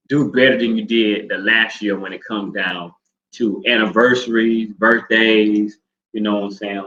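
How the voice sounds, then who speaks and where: A man's voice: on the low side, bright, forceful tone, a little hiss or hum. A man in his forties, co-hosting a casual couple chat, talking in a laid-back, rambling way with lots of fillers. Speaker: co-host. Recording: echoey room, dull lo-fi sound.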